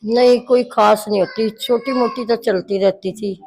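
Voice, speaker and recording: A woman's voice: a little high, fairly even intonation, measured pace, gravelly, a little mellow, a little hiss or hum, rough recording. A middle-aged woman, the mother-in-law in the story, recounting a family quarrel to a reporter, narrating at length and quoting what each person said. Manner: long narration full of quoted dialogue.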